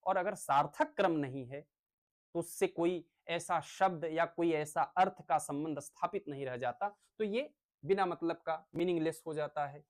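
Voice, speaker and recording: A man's voice: on the high side, measured pace. Man explaining phonics step by step. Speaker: teacher. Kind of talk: classroom lecture on phonics.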